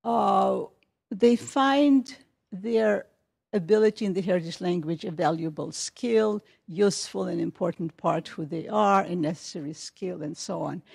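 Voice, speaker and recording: Gravelly husky woman giving a lecture. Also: on the low side, unhurried, a little mellow. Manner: conversational, frequent restarts and fillers. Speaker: conference speaker. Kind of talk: academic plenary lecture. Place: conference hall.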